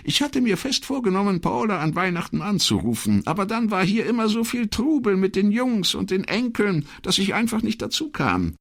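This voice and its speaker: A man voicing an older grandmother on the phone, friendly and chatty, in a raised, lively voice. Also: normal speed, vocal fry, few pauses, heavily acted. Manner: cheerful, lively high voice.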